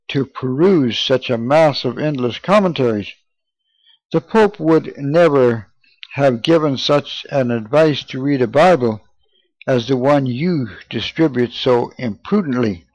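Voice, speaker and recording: A haughty old bishop, cold and scolding, in a dry, close sound, read by a man in his own voice. His words come with scorn but without theatrics, pitched in an ordinary middle range. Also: darkish tone, no room sound, natural voice, low-quality recording. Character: stern, contemptuous older male bishop.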